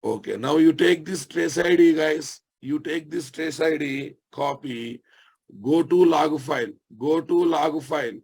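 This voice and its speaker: Slow-paced Telugu-accented Indian man teaching. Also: on the high side, creaky, a little mellow, breathy edge. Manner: repeats each phrase, checks with listeners. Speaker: software instructor. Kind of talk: live screen-demo technical lesson.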